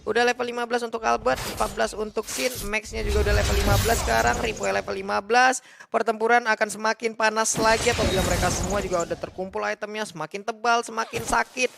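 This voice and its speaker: High-voiced Indonesian male esports analyst, noisy background. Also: fairly even intonation, fast. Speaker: esports co-commentator. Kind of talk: live mobile esports commentary. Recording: clear broadcast background noise.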